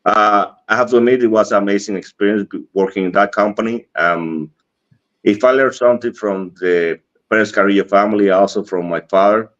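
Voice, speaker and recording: Dominican man telling a lively story. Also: lowish voice, fairly quick. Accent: Dominican Spanish. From Dominican Republic. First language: Spanish. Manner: animated, acts out dialogue, laughs often. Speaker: cigar industry guest. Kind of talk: casual storytelling. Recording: dull lo-fi stream audio.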